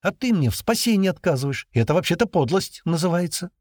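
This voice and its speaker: A man's voice: sits high, sing-song, fast, a little mellow, no room sound, studio quality, pitched above the performer's own voice. A man playing an exasperated, hunted middle-aged man. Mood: pleading. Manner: irritable, exasperated, raises his voice.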